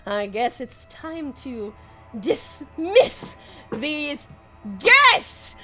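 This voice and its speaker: A woman's voice: big pitch swings, drawn-out words, soft background music, full character voice. A woman voicing a cackling, gleeful, cruel flame skull monster in a tabletop game. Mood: mocking. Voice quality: cackling, shrill shouting.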